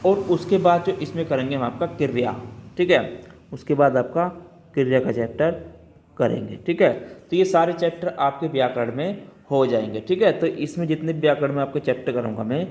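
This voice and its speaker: A man teaching a grammar lesson for exam students, repeating terms and checking in with quick questions. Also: mid-range voice, a little mellow. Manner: repetitive, keeps checking with "ठीक है" and asking questions back. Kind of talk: spoken Hindi grammar lesson.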